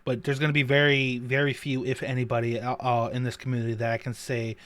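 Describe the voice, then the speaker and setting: A man's voice: medium pitch, flat delivery, quick pace, fairly bright tone, no room sound. A man hosting a casual chat show, rambling and repeating himself, with playful mock excuses. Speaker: podcast host.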